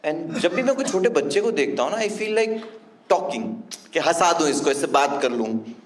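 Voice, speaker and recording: A male stand-up comedian telling a story on stage, animated, swinging from loud punchlines to quiet, somber stretches. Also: on the high side, normal speed. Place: comedy stage before a laughing audience. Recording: echoey live venue with faint ambience.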